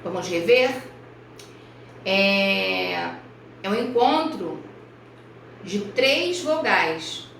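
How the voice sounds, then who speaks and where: A woman primary school teacher from Brazil giving a recorded review lesson for children, speaking slowly and carefully and spelling out each example. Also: mid-range voice, lively intonation, gravelly, a bit bright, a little hiss or hum. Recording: echoey room, voice far from mic.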